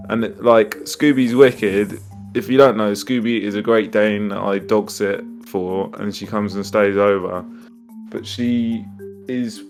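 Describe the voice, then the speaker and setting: A British man hosting a casual chat in an informal, rambling way. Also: lowish voice. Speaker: host.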